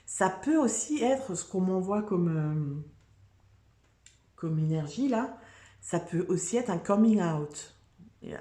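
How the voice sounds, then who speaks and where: A woman's voice: on the low side, warm tone, roomy sound. A woman giving a casual, chatty tarot reading, full of fillers, restarts and "tu vois". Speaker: tarot reader.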